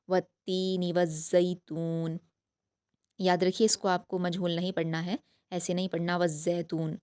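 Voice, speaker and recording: A woman teaching Quran recitation in a slow step-by-step lesson, patiently explaining each rule and then reciting the words slowly. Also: on the low side, darkish tone, no echo.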